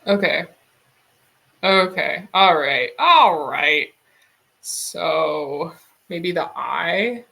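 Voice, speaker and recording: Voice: medium pitch, lively intonation, drawn-out words, creaky, pauses often, bright, forceful tone. A streamer in a casual drawing stream, musing aloud and swearing casually.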